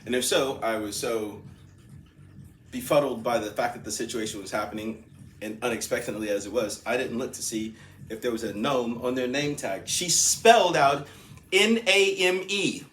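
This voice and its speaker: A man's voice: medium pitch, moderate pace, a little hiss or hum. A man casually telling a long story, rambling, laughing often and repeating himself. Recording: echoey room with faint ambience.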